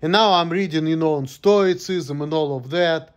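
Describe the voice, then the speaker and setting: A man's voice: on the high side, normal speed. A man in his thirties venting in a casual vlog monologue, gloomy and full of swearing. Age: 30s. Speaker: vlogger.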